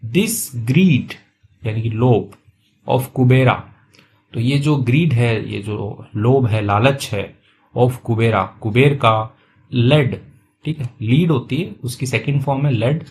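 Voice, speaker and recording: A man giving a lesson in Hindi. He reads phrases slowly, then explains them quickly in Hindi. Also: medium pitch, a little mellow, slight background noise. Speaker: English teacher.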